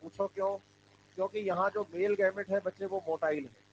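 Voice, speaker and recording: A man's voice: high voice, fairly even intonation, fairly quick. A male biology teacher lecturing a class, asking questions and having students answer back. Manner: call-and-response questioning. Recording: dull lo-fi classroom recording with faint hum.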